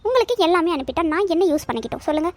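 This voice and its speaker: A woman's voice: extremely high pitch, very animated, rapid-fire, a little mellow. A woman voicing a firm, indignant cartoon working wife who argues back. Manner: firm, arguing.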